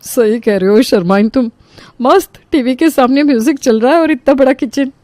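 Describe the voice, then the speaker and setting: A woman's voice: high voice, normal speed, darkish tone, dry recording, lightly acted. A woman voicing a chatty, teasing neighbour lady visiting for a gathering in a cartoon story.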